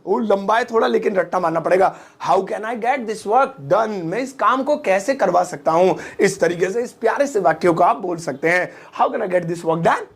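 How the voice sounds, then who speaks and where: A young man with a gravelly, slightly creaky voice leads a casual English lesson. He talks in a chatty, joking way and slips into little family scenes to make his point. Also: high-pitched, lively intonation, moderate pace, hardly any pauses. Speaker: English teacher.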